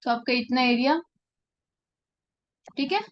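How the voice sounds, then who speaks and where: A woman's voice: sits high, slow pace, muffled recording. A woman teaching a live portrait-drawing class, explaining patiently and often checking that her students follow. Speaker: art teacher.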